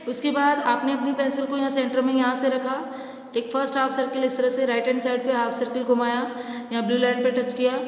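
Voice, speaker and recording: Woman teacher, high voice, patient and repetitive, recorded in a roomy, echoey space. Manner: patient, repetitive, asks and answers own questions. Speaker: nursery teacher. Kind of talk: teaching children handwriting.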